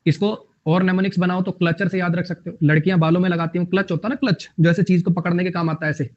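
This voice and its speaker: A man's voice: high voice, steady tone, quick pace, darkish tone. A young man teaching a vocabulary lesson, repeating phrases and making up jokey memory tricks. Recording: dull lo-fi audio.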